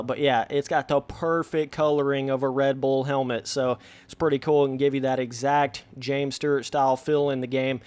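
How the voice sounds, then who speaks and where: A man's voice: medium pitch, no room sound. A young man talking straight to his viewers in a brash, slangy way while he comments on a game. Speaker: gaming YouTuber. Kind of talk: casual gameplay commentary.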